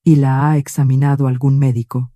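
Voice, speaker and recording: A woman voicing a calm, firm male lawyer. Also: a bass voice, no room sound, clean studio sound. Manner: quiet, firm, deliberate questions.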